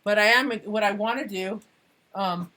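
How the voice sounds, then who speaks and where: A woman's voice: medium pitch, normal speed, bright, forceful tone. A woman chatting casually on a live stream as she crafts, thinking aloud and trailing off mid-sentence.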